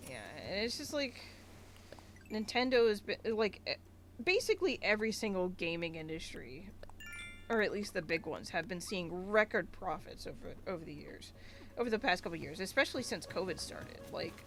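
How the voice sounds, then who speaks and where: A woman streamer rants in a casual, rambling way while she plays, piling on filler words and restarting her sentences. Her voice sits at an ordinary middle pitch for a woman. Soft game music plays quietly underneath. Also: animated, normal speed. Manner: rambling, ranty, many filler likes. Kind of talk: casual gaming livestream commentary.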